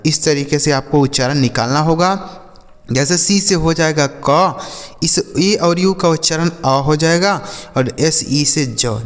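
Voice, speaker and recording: A man teaching an English phonics lesson, spelling out letters and then sounding out each word, often asking the viewer questions. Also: on the high side. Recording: long hall reverb.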